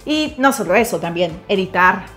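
A woman's voice: medium pitch, animated, normal speed, a bit bright, faint music behind. A woman in her thirties from Mexico City with a Mexican Spanish accent, chatting cheerfully as co-host of a language channel, recorded on a lapel mic in a home kitchen. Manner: cheerful, laughs often. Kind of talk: casual bilingual chat.

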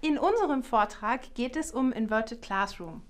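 A middle-aged woman, a professor, speaking in a lively scripted video trailer, recorded in a studio on a lapel mic. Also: on the high side, moderate pace. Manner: lively, standing and gesturing while talking. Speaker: art education professor, keynote speaker.

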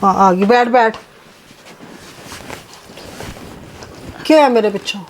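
A woman's voice: medium pitch, fast, a little hiss or hum, close to an everyday voice. A woman playing a stern mother-in-law who scolds and demands answers in a family drama skit. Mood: calm. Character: stern mother-in-law, scolding and proud of her elder daughter-in-law.

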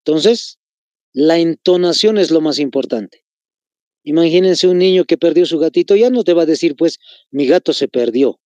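A man's voice: on the high side, lively intonation, moderate pace, dark tone, no room sound. A man with a Bolivian Spanish accent teaching an online class. He explains patiently, repeats key phrases and calls his students chicos.

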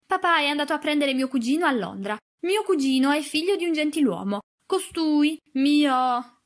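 A woman reading an audiobook, voicing a spoiled, imperious young girl who talks high and insistent. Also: lively intonation, normal speed. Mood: distraught.

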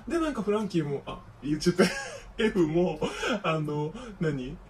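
Young male vlogger, high voice, campy animated gossip, set back from the mic with faint noise. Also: normal speed, far from the mic. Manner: animated gossip with feminine speech style, acts out friends' lines. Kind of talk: casual storytelling monologue.

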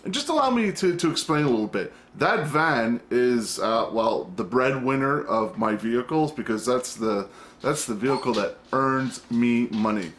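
A man's voice: medium pitch, animated, moderate pace, a bit bright, a little hiss or hum. Rambling, swearing home vlogger man. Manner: rambling, self-interrupting, swears casually. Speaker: vlog host. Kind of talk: casual chat to camera. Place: at home, indoors.

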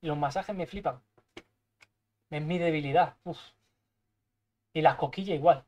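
A young man from Spain with a Spanish accent, giving live gameplay commentary, excitable and swearing, muttering to himself as he plays. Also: a little high, measured pace. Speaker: streamer.

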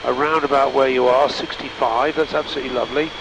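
A man working as a flight instructor, giving calm, encouraging instructions over an aircraft intercom headset. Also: mid-range voice, quick pace, noisy background. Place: small light aircraft cockpit in flight. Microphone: headset boom microphone.

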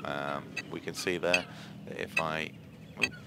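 A man's voice: very deep voice, fairly even intonation, a little slow, very noisy. A man giving chatty gameplay commentary, explaining each step and checking in with "yeah?" asides. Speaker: game reviewer.

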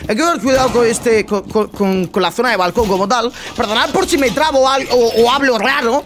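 A man from chatting casually over gameplay, just woken up, slangy and prone to loud teasing shouts. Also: very high-pitched, brisk, noisy background. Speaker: gaming streamer.

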